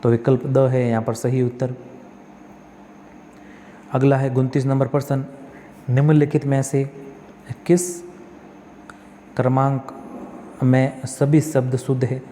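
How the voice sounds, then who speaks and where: A man's voice: medium pitch, little pitch movement, takes it slowly, long pauses, dark tone, long reverb tail, a little hiss or hum. A male tutor walks through exam practice questions, reading each one, correcting the spellings step by step and asking himself questions that he answers.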